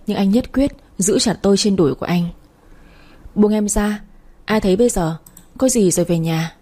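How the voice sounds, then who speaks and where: Mellow, breathy woman storyteller. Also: medium pitch. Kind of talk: storybook narration.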